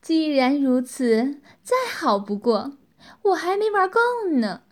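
A woman's voice: sits high, very animated, slow, darkish tone, exaggerated voice. A woman voicing a cruel, playful young woman with hypnotic power, cold and mocking in her speech. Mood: gleeful.

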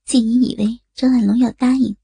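A woman narrating a story in a steady, even storytelling voice. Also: on the high side, brisk, vocal fry, breathy edge, no room sound, poor audio. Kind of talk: audio erotic story narration.

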